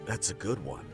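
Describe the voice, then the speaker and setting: Menacing game villain, high-ranking policeman: low, polished condescension over clearly audible music. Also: heavily acted. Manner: polite, smug, veiled threat. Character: smug, menacing senior male security police official. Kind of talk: dubbed video game drama acting. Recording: music behind the voice.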